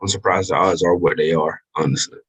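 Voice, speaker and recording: A man's voice: sits low, steady tone, quick pace, crowd noise, rough recording. A man co-hosting a casual fight podcast, joking and playful in an easygoing way. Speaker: podcast co-host. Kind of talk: casual sports chat.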